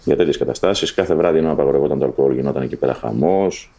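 A man candidly recounting his own life story in a loose, conversational way, often pausing with fillers. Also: a bass voice, gravelly, dark tone, breathy edge.

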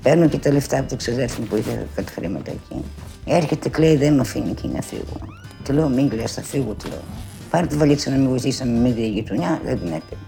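An older woman recounts a personal story from her youth, animatedly acting out the voices of the people in it and dropping frequent asides of "she says." Her voice is bass-deep with vocal fry, and soft music plays in the background.

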